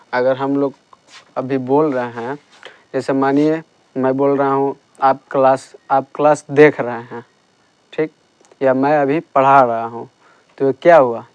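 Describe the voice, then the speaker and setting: Slow, smooth-voiced male teacher. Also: mid-range voice, dry recording, lo-fi sound. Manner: slow, patient explaining with repeated checks. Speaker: English teacher. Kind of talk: classroom grammar lesson.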